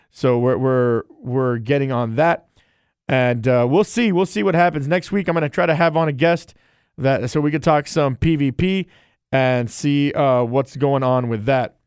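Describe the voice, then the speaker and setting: A man hosts a casual solo podcast, rambling loosely and amiably in a slightly high, smooth, resonant voice. The recording is close and dry, with no room sound at all. He's a podcast host and streamer.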